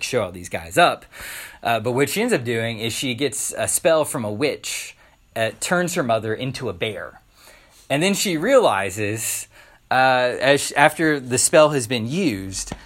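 A man's voice: mid-range voice, a bit bright. A man preaching a casual, conversational sermon, full of filler words and rhetorical questions. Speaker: pastor.

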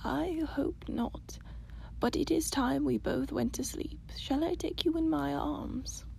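A woman voicing a gentle, wise, very old grandmother in a storybook, speaking in a soft, hushed half-whisper. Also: high-pitched, slow, gravelly, pitched above the performer's own voice, heavily acted, poor audio. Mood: tender.

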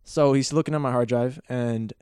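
Smooth-voiced joking podcast host man. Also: medium pitch, fairly even intonation, moderate pace, dark tone, dry recording, clean studio sound. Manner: joking, rambling, self-correcting. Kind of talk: casual solo podcast storytelling.

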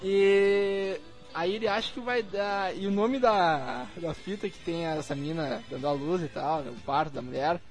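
Podcast host, man, high voice, acts out scenes as he tells them. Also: unhurried, faint music behind. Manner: animated storytelling, acts out scenes. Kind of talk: casual chat.

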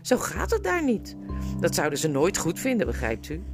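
A woman's voice: on the low side, huge pitch swings, normal speed, creaky, exaggerated voice. A woman voicing an earnest, polite young boy in an audiobook, speaking in a hesitant way. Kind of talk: audiobook character voice. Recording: music playing underneath.

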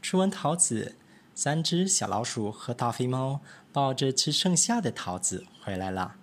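Animated man reading a children's picture book. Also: mid-range voice, unhurried. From Malaysia. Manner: expressive, animated storytelling. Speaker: storybook reader.

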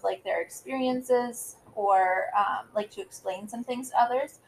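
A woman's voice: mid-range voice, a little hiss or hum, poor audio. A woman in her thirties co-hosting a podcast in casual chat, rambling with lots of fillers and giggles. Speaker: podcast co-host.

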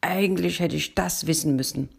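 Storybook bear, pleading and exasperated, gravelly, husky voice; woman reader. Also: on the low side, brisk, a little mellow, full character voice. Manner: pleading, insistent. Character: pleading, exasperated male bear, the donkey's friend.

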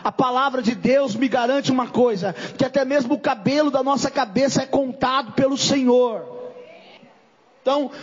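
A man's voice: very high-pitched, slightly rough, big-room sound, dull audio. A Brazilian man preaching an impassioned sermon, often putting questions straight to his congregation. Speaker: apostle preaching. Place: church service.

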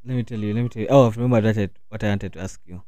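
A young man with a lowish, mellow voice hosts a casual conversation. He speaks in slangy urban street talk and asks questions loosely, in a dry, close sound. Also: rapid-fire, no room sound. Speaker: talk show host. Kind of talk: casual chat, interviewing.

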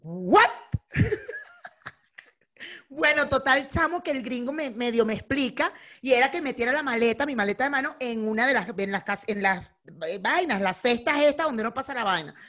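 A woman's voice: on the high side, brisk. A young woman with a Venezuelan accent, co-hosting a casual chat and acting out the people in her stories. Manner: animated storyteller who acts out the people in her anecdotes. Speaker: co-host.

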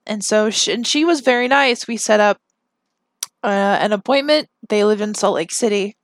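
A woman's voice: medium pitch, moderate pace, no room sound. Young woman podcast host, chatty and self-deprecating, mid-range voice, dry recording. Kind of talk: personal storytelling. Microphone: camera mic.

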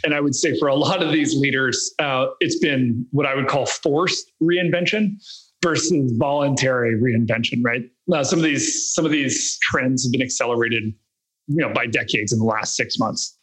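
Man, podcast co-host, conversational, fillers, medium pitch. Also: normal speed, fairly bright tone, rough recording. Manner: conversational, uses "right?" and "you know". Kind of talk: interview questions.

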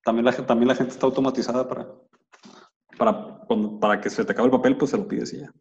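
Fast-talking Mexican man, podcast host. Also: medium pitch, fairly even intonation, a little mellow. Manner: quick, joking asides with crude slang. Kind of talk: casual podcast chat. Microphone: remote call audio. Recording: lo-fi remote call, faint noise.

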